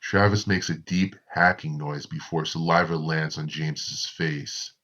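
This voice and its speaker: Very deep-voiced slow horror narrator. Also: male voice, steady tone, bright, forceful tone. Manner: slow, deliberate storytelling. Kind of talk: scripted horror story narration.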